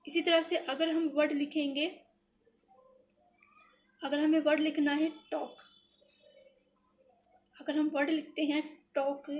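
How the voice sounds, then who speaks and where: High-voiced woman patiently teaching shorthand. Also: darkish tone. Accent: Indian English words. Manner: repetitive, patient, thinking aloud while writing. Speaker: shorthand tutor. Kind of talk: step-by-step tutorial explanation.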